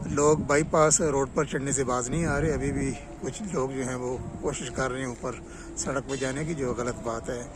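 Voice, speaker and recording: Outdoors by roadside construction works, a vlogger with a Pakistani accent gives an explanatory, matter-of-fact update on the road. His medium-pitched voice has fairly even intonation and a moderate pace, set against loud traffic, vehicle noise and general outdoor ambience.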